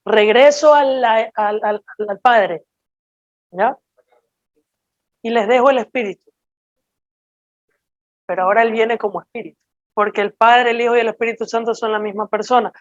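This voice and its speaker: A woman preaches a sermon in a fairly high voice, teaching slowly and emphatically and checking in with her listeners as she explains scripture. The recording is dry and muffled.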